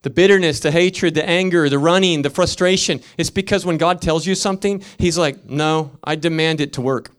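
Impassioned male preacher, pitch swings. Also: a little fast, few pauses, smooth. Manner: impassioned preaching, swinging from loud emphatic peaks to quiet storytelling; repetitive, rhythmic emphasis. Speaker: pastor. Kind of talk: sermon.

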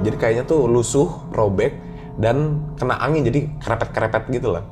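A man's voice: medium pitch, brisk, music in the background. A young man with a Jakarta accent, animatedly telling a childhood ghost story in a casual podcast chat. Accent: Jakarta slang. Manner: animated storytelling, acts out his own childhood voice. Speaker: guest storyteller.

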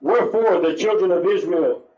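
High-voiced man reading scripture, echoey. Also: moderate pace, warm tone, dull audio. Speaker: scripture reader.

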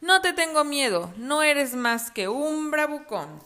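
Clever young boy hero voiced by a woman, cheeky, brave, high voice, storybook. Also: very animated, slow, sharp tone, heavily acted. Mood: defiant.

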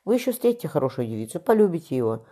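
A man's voice: a little high, sing-song, very fast, dark tone, pitched above the performer's own voice. A man reading a shy, plaintive young maiden. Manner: timid, plaintive.

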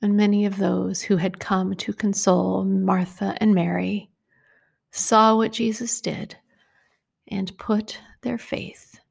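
Slow, gravelly-voiced woman preacher. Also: medium pitch, level tone. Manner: hushed, intimate, often dropping to a whisper. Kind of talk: scripture reading and reflective sermon.

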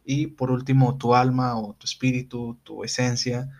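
A man's voice: mid-range voice, flat delivery, normal speed. Mexican man giving blunt motivational advice. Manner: direct, exhorting, addresses listener with blunt slangy imperatives. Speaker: motivational speaker. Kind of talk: motivational talk, numbered life advice.

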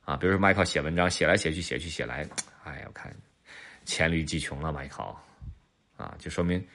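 A man's voice: very deep voice, a little fast, a bit bright. A man, a father, telling an idiom story to his children and explaining it in a playful, teasing way.

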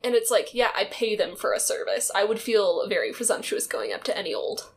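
A woman's voice: medium pitch, very animated, brisk. A woman co-hosting a podcast, chatting casually in an easy, amused way. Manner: laughs easily as she talks. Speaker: podcast co-host. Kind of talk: casual chat.

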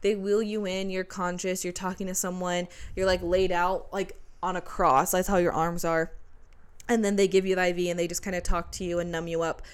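A young woman co-hosting a podcast, telling a personal story in a lively, casual way and acting out what other people said. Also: on the low side, a little fast, smooth. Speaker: podcast co-host. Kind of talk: casual chat.

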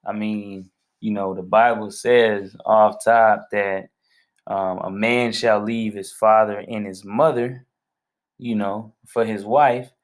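A man co-hosting a marriage podcast with his wife, talking in a relaxed, slangy, upbeat way. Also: lowish voice, slow pace. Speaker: podcast co-host. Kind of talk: casual chat.

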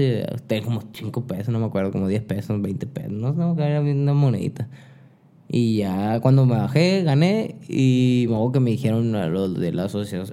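A man's voice: mid-range voice, mellow. A young man with a Mexican accent, a boxer telling his story in a casual interview, rambling with restarts and fillers. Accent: Mexican Spanish. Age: young adult. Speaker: boxer guest.

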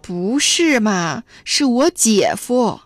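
A woman voicing an earnest teenage village boy who explains things loudly and with exasperation. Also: medium pitch, sing-song, a little slow, faint music behind. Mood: exasperated.

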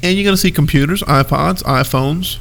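A man in his thirties co-hosts a casual podcast, easygoing and rambling, laughing often and drifting into asides while his nose sounds stuffed up. His voice is a little high and a bit bright, brisk, with vocal fry. Slight background noise is audible.

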